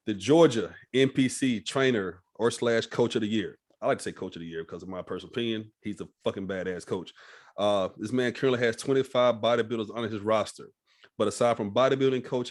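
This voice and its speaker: A man hosting a podcast interview, laid-back and casual, often tagging "all right?" and swearing freely. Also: fairly low pitch. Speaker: podcast host.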